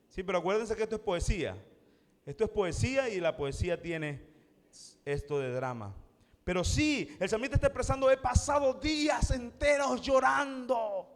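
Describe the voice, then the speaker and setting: A man with a very high voice preaches with passion in a church, drawing out each scripture quote slowly. His words ring through a hall with a long echo. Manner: impassioned, slows down for scripture quotes. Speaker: pastor. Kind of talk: sermon. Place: church sanctuary.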